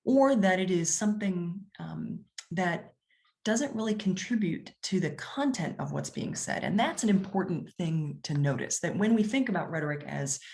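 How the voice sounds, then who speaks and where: Low-voiced woman giving a lecture. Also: lively intonation, normal speed, creaky, a little mellow. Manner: explanatory, conversational with frequent fillers. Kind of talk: public lecture.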